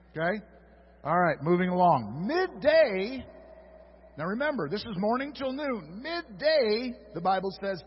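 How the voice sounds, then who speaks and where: A male pastor with a high, slightly husky voice delivers a sermon and breaks it up with playful asides to the congregation. The sound is dull and lo-fi, with a long reverb tail from a large hall. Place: church sanctuary.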